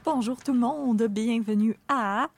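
A woman's voice: fairly high pitch, measured pace, vocal fry, a little hiss or hum. Chatty Québécois woman hosting a podcast. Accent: Québécois French. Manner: chatty, giggly. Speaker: podcast co-host. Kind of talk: casual podcast chat.

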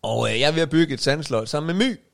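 A man's voice: fairly high pitch, animated, creaky. A man co-hosting a podcast, telling a long story in casual chat with lots of fillers and restarts. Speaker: podcast co-host.

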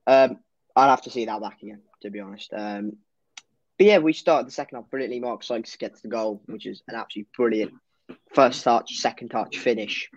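A man's voice: medium pitch, fairly quick, dry recording, lo-fi sound. A man co-hosting a football podcast, reviewing a match in casual chat, hesitant and full of fillers and restarts.

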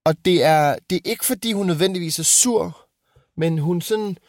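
A man's voice: sits high, no room sound, studio quality. A man and father in casual chat, telling rambling anecdotes and swearing freely. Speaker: podcast co-host and father.

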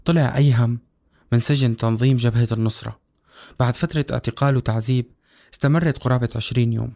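A man's voice: mid-range voice, steady tone, quick pace, gravelly, mellow. A man with a Levantine Arabic accent reading scripted documentary narration as the narrator.

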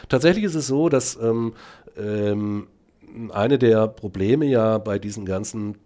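A man's voice: on the low side, unhurried, warm tone. A middle-aged man, a researcher, talking as a podcast guest. He hesitates a lot and fills gaps with "ähm", then pushes his points hard. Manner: hesitant with many fillers, then emphatic. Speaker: guest, speech technology researcher. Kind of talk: podcast conversation.

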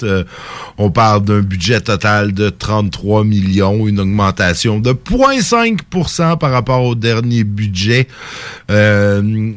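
A man's voice: on the low side, dry recording. A man with a Québécois accent hosting a radio show, reading local news in a casual, hesitant way with many fillers. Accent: Québécois French. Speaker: radio host.

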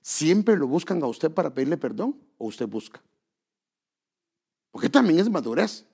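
This is a man preaching to his congregation in an earnest, exhorting tone. His voice sits slightly high and swings widely in pitch, with a gravelly edge. He keeps putting rhetorical questions to his listeners. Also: very animated, normal speed, a little mellow. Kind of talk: sermon.

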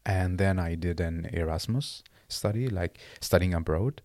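In a casual interview conversation, a guest in his late twenties from Iraq, not an English speaker, speaks haltingly and restarts phrases while looking for the right words. His very deep voice is a little mellow, recorded dry and close without any room sound.

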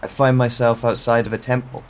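A man with a medium-pitched, level voice tells a first-person audio drama, speaking softly, slowly and introspectively over music and the patter of rain.

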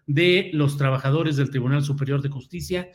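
A man's voice: on the high side, moderate pace. A man with a Mexican accent hosting a live online news and interview show without a script.

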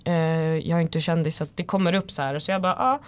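A woman's voice: low voice, fairly even intonation, clear, resonant tone. A young woman telling a personal story in casual chat, rambling with many fillers. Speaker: guest.

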